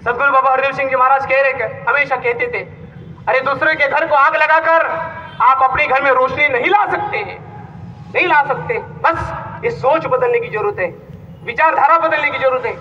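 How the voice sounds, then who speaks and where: A man's voice: very high-pitched, fairly even intonation, moderate pace. A man giving a sermon at a devotional gathering, telling humorous anecdotes and repeating phrases for comic effect, impassioned and exhorting. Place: gathering hall with a stage. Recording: distant muffled hall recording, faint noise.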